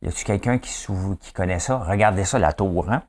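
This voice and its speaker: A man in his fifties with a Quebec French accent hosts a casual, folksy news chat, often putting questions to his listeners and repeatedly asking "hein?". His voice is low and a little mellow, and he talks a little fast.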